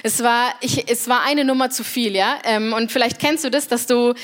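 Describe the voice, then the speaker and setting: Female, thirties, fairly high voice; confessional church talk addressed to the listener. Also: steady tone, normal speed. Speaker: church speaker. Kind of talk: devotional talk.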